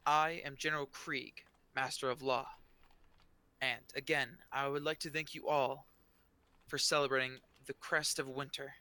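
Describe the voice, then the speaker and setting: A man's voice: mid-range voice, little pitch movement, measured pace, pushed and bright, smooth. A man voicing a stern male general giving a formal speech to a festival crowd in a tabletop game.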